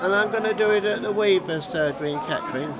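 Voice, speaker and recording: A man's voice: sits high, fast talker. An older man at an event in a conference hall, often repeating what he is prompted with and answering in short "yup"s. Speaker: event participant. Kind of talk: vox pop interview. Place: large busy conference hall. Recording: crowd chatter behind.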